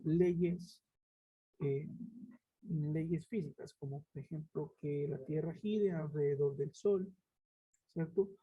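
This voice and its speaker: A woman's voice: deep voice, dark tone, slightly rough, muffled recording. A woman teaching an English grammar class over a web conference, explaining step by step and checking in with her students. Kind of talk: online class lecture. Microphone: web conference headset or laptop mic.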